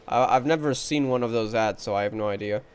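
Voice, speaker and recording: A game streamer with a smooth, medium-pitched voice talks fast while commentating live on a playthrough. His short reactions are chatty and laid-back, with game music playing behind him.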